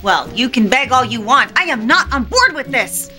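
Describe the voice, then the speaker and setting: A catty, jealous wife. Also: female voice, high voice, big pitch swings, music in the background. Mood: indignant. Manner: sarcastic, catty, quick comebacks. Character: sharp-tongued jealous wife, catty and proud. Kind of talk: TV drama acting. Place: indoor home dining room.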